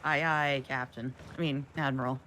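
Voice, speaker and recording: A man's voice: mid-range voice, steady tone, bright, forceful tone, a little hiss or hum. A man acting as defense counsel in a game role-play, speaking hesitantly with many halts. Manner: hesitant, halting.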